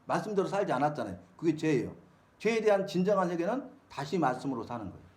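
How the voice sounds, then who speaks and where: A man's voice: on the high side, very animated, fast, darkish tone. A middle-aged man preaching a sermon-style Bible lesson, asking the congregation rhetorical questions. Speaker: pastor.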